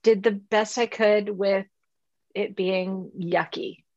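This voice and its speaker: A woman's voice: mid-range voice, steady tone, slow pace, darkish tone, no echo, lo-fi sound. A woman in casual conversation, telling a story with animation, laughing mid-sentence and acting out the people in it. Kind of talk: casual chat.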